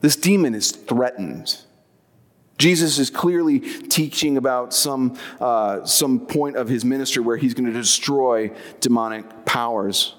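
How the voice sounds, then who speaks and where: A man's voice: mid-range voice, unhurried, in a large hall. A man preaching a sermon, explaining scripture conversationally with personal asides. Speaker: pastor.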